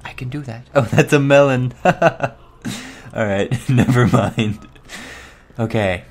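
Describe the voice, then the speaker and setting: A man's voice: medium pitch, slow. A man giving casual, sweary gameplay commentary, chuckling and talking to himself as he plays. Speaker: let's play gamer.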